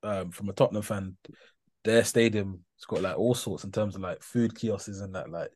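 A young man with a London roadman accent chatting casually about football in slangy, halting phrases full of asides. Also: on the low side, darkish tone. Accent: London, urban slang. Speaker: football podcast co-host.

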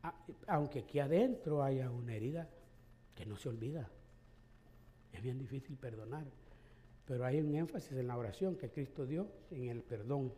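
A man's voice: mid-range voice, animated, moderate pace, warm tone, a little hiss or hum. A male pastor in middle age preaching a sermon in a conversational way, with rhetorical questions and light chuckles.

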